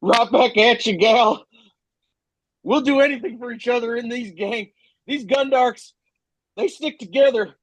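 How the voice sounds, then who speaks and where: A man's voice: very high-pitched, unhurried, pauses often, no room sound, poor audio. A man voicing an affectionate drunk gang brother, making earnest town-drunk declarations in a tabletop game.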